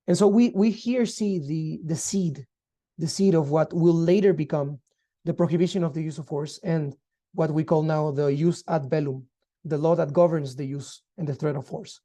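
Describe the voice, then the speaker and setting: Very dark-voiced man lecturing. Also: a little high. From Guatemala. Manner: measured, formal, explanatory. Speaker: law lecturer. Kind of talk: online lecture.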